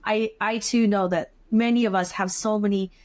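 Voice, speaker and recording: Host: thoughtful woman from California, mid-pitched, affirming, pauses on "um.". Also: fairly even intonation. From California, USA. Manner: warm-hearted, affirming, thoughtful with frequent "um". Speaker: podcast host. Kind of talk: casual conversational interview.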